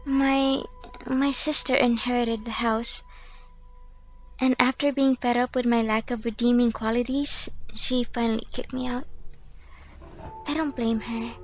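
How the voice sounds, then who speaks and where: A woman's voice: a little high, fairly even intonation, unhurried, long pauses, dull audio, faint music behind. A woman playing a timid, self-loathing young female stalker in an ASMR role-play, sweet and eerily obsessive, rambling with nervous apologies. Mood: ashamed, downcast.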